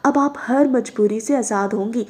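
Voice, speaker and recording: A bitter, vengeful young woman with a fairly high yet mellow voice, shouting her pain in a spoken storybook reading, voiced by a woman narrator. She sounds obsessed and merciless. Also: normal speed, lightly acted.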